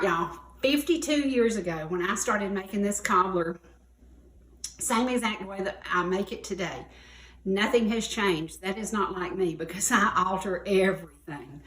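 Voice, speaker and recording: A woman's voice: mid-range voice, a bit bright, roomy sound, slight background noise. A woman in her seventies with a Southern US accent, hosting a cooking segment on a local TV talk show in a folksy, chatty, playful way. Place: TV studio kitchen set.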